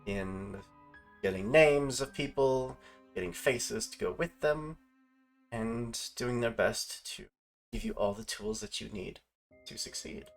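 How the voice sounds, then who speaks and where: A game master narrates a tabletop session in a slow, measured way, stopping and restarting as he finds his words. Soft music sits quietly behind his voice. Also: medium pitch, animated, vocal fry. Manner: hesitant, restarts while describing scenes. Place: online stream with players.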